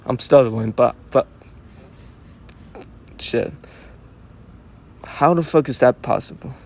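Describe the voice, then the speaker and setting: A man's voice: medium pitch, unhurried, gravelly. A man in a casual unscripted monologue, musing aloud and rambling, swearing freely and restarting his sentences. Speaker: vlogger talking to himself.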